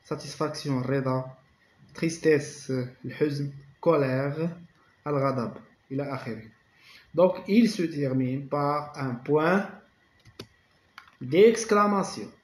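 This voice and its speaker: A man with a Moroccan accent gives a grammar lesson, his voice a little high for a man. He spells out the French slowly, then rattles through the explanation. The sound bounces around an echoey room. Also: darkish tone. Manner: slow dictation-like French, rapid Darija explanations. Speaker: teacher.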